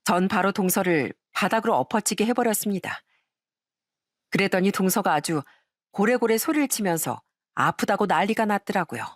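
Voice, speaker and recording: A middle-aged woman narrating a first-person story in an expressive, emphatic way. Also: medium pitch, normal speed, no echo, clean studio sound.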